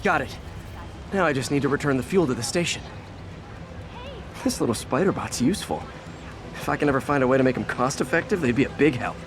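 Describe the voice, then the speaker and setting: A man's voice: medium pitch, animated, fairly quick, pauses often, close to an everyday voice. An actor playing a quippy young male superhero who thinks aloud in a video game, with an American accent and a chatty, earnest, wry manner. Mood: pleased, musing. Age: young adult. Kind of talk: video game voice acting, self-narrating.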